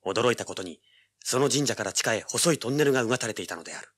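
Over dramatic music, a man plays a brash, hard-edged young treasure hunter in a hard-boiled audio drama, both narrating and speaking with sardonic roughness. His medium-pitched, slightly bright voice is animated and racing, sounding tense yet cool.

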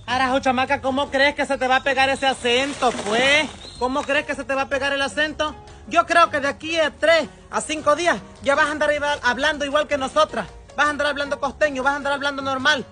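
A man's voice: extremely high pitch, a little fast, faint music behind. A man playing Doña Godoleva, a brash, bossy village mother with a Mexican coastal accent, in a comedy sketch. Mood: scolding. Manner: scolding, loud and exasperated.

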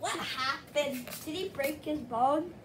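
A woman acting out a playful toy skit in excitable, shrieking voices that switch from one character to another. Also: sits high, slow. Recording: noisy home recording.

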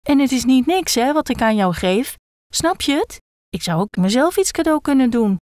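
Nervous little gecko guy, hedges everything, fussy, woman reading him, storybook, kinda high. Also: big pitch swings, moderate pace, a little mellow, no echo, clean studio sound. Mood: hesitant. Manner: hesitant, hedging, fussy. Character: timid doubting male gecko giving a wish.

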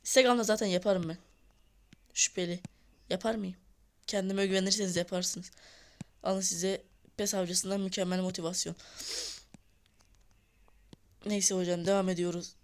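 Playing a mobile football match, a woman comments casually and excitably, scolding her players in a slightly hoarse voice. She speaks in a mid-range pitch at a moderate pace, pausing often.

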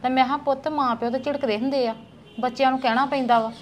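A woman's voice: sits high, fairly even intonation, fast talker, slight background noise, natural voice. A woman playing a worried middle-aged village mother who lectures her son. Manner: chiding, lecturing. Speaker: actor. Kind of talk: family drama skit.

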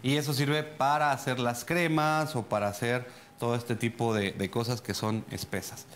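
Chef explaining a recipe step by step. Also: male voice, mid-range voice, steady tone, moderate pace, a bit bright, a little hiss or hum. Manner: explanatory, addresses viewers directly with frequent "¿vale?". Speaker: TV cooking show chef. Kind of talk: cooking demonstration. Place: TV studio kitchen set.

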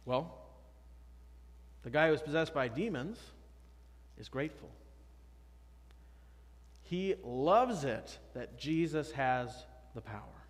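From the pulpit of a church sanctuary, a pastor in his thirties preaches slowly, his fairly high voice animated and broken by long pauses. The sermon is conversational and emphatic, captured by a pulpit mic and far-off camera with long reverb.

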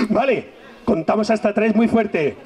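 A man's voice: high-pitched, slow. A man working as a children's magician and entertainer, talking with playful, teasing patter and exaggerated exclamations. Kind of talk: lively show patter with children. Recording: outdoor event with crowd of children. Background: crowd of children.

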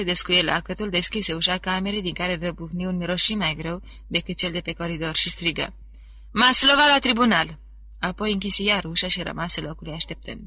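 An audiobook narrator giving a measured, descriptive reading of a classic novel. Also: mid-range voice, bright, forceful tone. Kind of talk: scripted literary narration.

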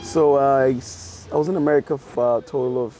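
Man in his thirties, from Ghana, interview guest, easygoing and rambling, mid-pitched voice, lapel mic outdoors. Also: brisk, faint music behind. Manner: relaxed, rambling with frequent restarts and fillers. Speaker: interview guest, business owner. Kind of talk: casual interview chat. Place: outdoors on a patio sofa.

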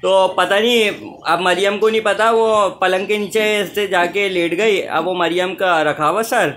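A man's voice: high voice, steady tone, measured pace, fairly bright tone, a little hiss or hum. A man filming a casual family vlog at home, teasing and coaxing children in a playful way. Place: home indoors.

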